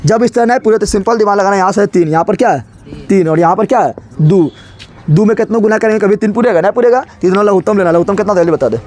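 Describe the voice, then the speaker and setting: A man's voice: high-pitched, quick pace, a little mellow. A male teacher teaching a chemistry lesson playfully, often asking a question and answering it himself.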